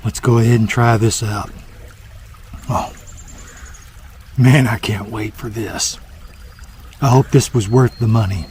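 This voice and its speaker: A man's voice: lowish voice, steady tone, unhurried, pauses often, a little mellow, slight background noise. A man vlogging on a hike, giving a mock-serious, savoring food-critic review outdoors by a lake. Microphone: small handheld camera.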